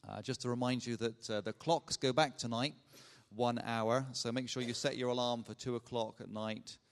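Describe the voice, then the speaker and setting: A man's voice: medium pitch, fairly even intonation, normal speed. A man giving church announcements to a congregation, hesitant with many filler sounds and light humor. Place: church sanctuary. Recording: echoey church hall.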